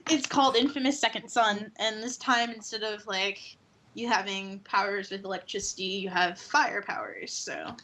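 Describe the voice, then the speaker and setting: A woman chatting excitedly about upcoming games on a casual podcast. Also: medium pitch, normal speed, a little hiss or hum. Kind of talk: casual gaming chat.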